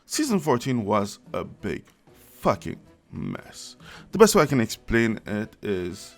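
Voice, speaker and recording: Creaky, sarcastic male commentator. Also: on the low side, very animated, moderate pace. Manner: blunt, sarcastic, swears freely, laughs mid-sentence. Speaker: video commentator. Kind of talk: casual opinion commentary. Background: background music.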